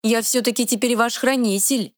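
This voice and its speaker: A woman voicing a tiny, sharp-tongued female fairy guardian with quick retorts, in a dry close recording. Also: fairly high pitch, steady tone, no echo, voice pushed up, lightly acted. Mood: feisty.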